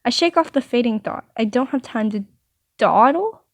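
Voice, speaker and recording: A woman's voice: a little high, a little fast, no echo, clean studio sound. A woman reading a visual novel aloud, with playful asides between narration. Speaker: story reader.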